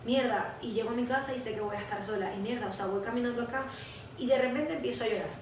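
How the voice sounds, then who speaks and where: Una mujer joven con acento venezolano, copresentadora de un pódcast, que cuenta en charla casual y animada una historia personal, riéndose de sí misma. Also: female voice, on the high side, fast. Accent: Venezuelan Spanish. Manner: animated storytelling, laughing at herself. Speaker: podcast co-host. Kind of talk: casual chat. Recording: echoey room, mic far off, faint hiss.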